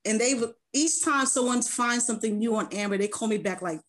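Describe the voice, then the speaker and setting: Slightly hoarse woman producer, earnest. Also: fairly high pitch, fairly quick. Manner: rambling, self-correcting, earnest. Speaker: music producer and manager. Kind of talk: casual interview talk.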